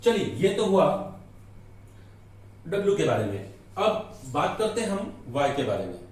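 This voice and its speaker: Speaking with a fairly high, sing-song voice at a somewhat slow pace, a man explains English grammar in Hindi during a classroom lecture. He asks questions and supplies the answers on his own, captured by a far-off microphone in a reverberant room.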